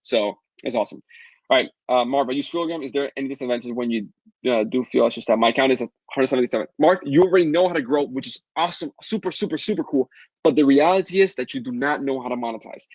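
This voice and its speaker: A Caribbean man whose first language is Spanish, with a Latin American Spanish accent, runs a live webinar Q&A, answering chat questions while pitching his course in a fast, upbeat style. The recording is dry, with the highs cut off.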